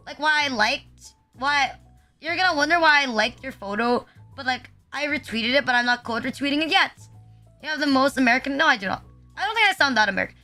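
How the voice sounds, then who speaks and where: A young woman from the Philippines chats casually on a livestream as a VTuber, her high voice bright and forceful. She rambles on with constant fillers and swears often.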